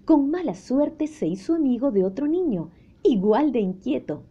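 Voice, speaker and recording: Woman, storyteller, children's story narration, gentle, dark mellow tone, fairly high voice. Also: husky, dull audio. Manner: slow, gentle, expressive reading.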